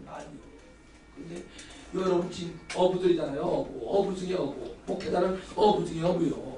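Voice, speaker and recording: A male pastor giving a lively sermon lecture, exuberant and loud, often shouting and leading the congregation in call-and-response. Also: high-pitched, moderate pace. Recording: roomy hall from far off, faint background noise.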